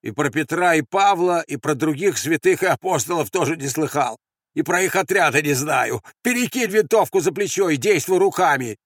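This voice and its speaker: A man's voice: a little high, lively intonation, moderate pace, dry recording, studio quality, voice pushed up. A man voicing a sarcastic male post commander who gives orders dismissively.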